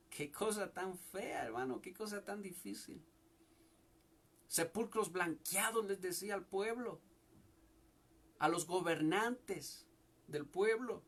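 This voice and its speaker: A young man preaches a fervent sermon in a noticeably high voice. He speaks as a pastor and keeps calling out to his listeners as brother. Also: expressive, takes it slowly, pauses often, fairly bright tone. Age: young adult. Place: home church service.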